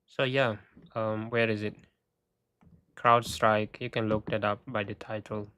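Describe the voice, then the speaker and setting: Male host, low and slow, hesitant, thinking aloud, voice wearing out. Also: flat delivery, bright, forceful tone, clear, resonant tone. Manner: halting, thinking aloud with restarts. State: losing his voice. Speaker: tech video host. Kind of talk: casual screen-share walkthrough.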